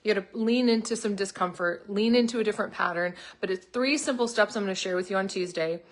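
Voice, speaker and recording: A woman's voice: medium pitch, fast talker. Middle-aged woman, coach talking live to viewers; sincere, heartfelt, mid-range voice. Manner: heartfelt, earnest, gets choked up. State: emotional, choked up. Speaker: coach promoting a webinar. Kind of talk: live video talk to viewers.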